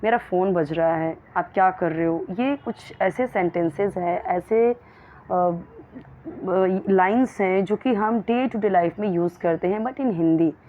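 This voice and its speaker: A woman teaching spoken English to beginners, patiently explaining and saying each example sentence slowly and carefully. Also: fairly low pitch. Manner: explains patiently, addressing learners as children. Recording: tinny phone-like audio.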